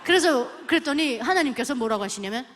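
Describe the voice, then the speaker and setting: A woman from North Korea giving an emotional, animated testimony sermon in a church. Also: sits high, quick pace, big-room sound, slight background noise. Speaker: guest speaker giving testimony.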